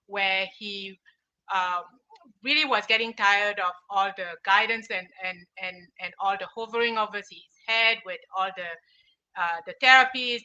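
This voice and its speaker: A woman from Cameroon pitches her app over a video call. Her voice is very bright and ringing. She speaks earnestly, pausing often with fillers and restarts. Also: rough recording. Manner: earnest, halting with many fillers. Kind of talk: online pitch presentation.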